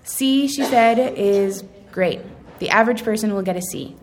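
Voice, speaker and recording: A young woman recounts her school years in a loose, conversational way. She rambles, circles back to correct herself and fills pauses with ums. Her pitch sits in an ordinary middle range for a woman. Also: a little hiss or hum. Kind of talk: casual personal storytelling.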